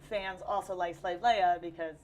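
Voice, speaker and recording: Crowd noise surrounds a young woman with a Texan accent, a cosplayer guest chatting casually in an interview at a busy convention hall. Her fairly low, fairly even voice moves at a moderate pace, upbeat and filler-laden even as she loses her voice.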